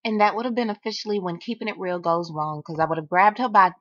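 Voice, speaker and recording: A woman's voice: medium pitch, quick pace, fairly bright tone, dry recording, faint music behind. A woman hosting a reality TV recap in a sassy, chatty style, calling her viewers "honey.". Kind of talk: casual commentary. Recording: dull lo-fi, dry.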